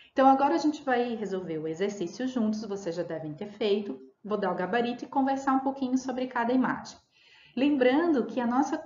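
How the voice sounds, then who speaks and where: A woman's voice: mid-range voice, darkish tone, a little hiss or hum. A woman teaching a remote lesson, explaining patiently and repeating key words with fillers. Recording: roomy, dull lo-fi audio.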